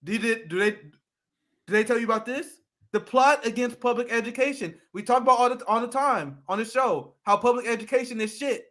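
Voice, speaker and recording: A man's voice: very high-pitched, fairly quick, a bit bright. A young adult man co-hosting a political commentary show, ranting in a heated, profane way. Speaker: co-host.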